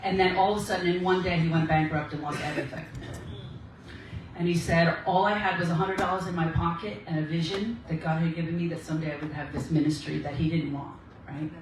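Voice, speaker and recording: At a women's ministry meeting, a woman shares her personal testimony in a chatty way, acting out the quoted exchanges. Her voice sits low with fairly even intonation, and she talks fast. The distant mic in the echoey meeting room picks up her voice from afar, with a little hiss or hum.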